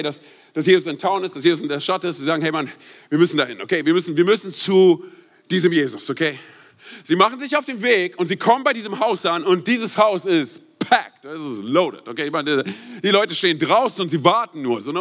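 Man preaching, high voice, emphatic, rhetorical questions, young adult. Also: a bit bright. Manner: mixes English words into speech. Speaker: pastor. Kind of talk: sermon.

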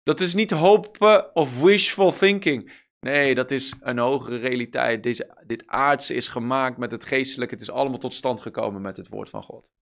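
Male preacher, emphatic sermon delivery, repeats and slows key lines, mid-range voice. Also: medium pitch, vocal fry.

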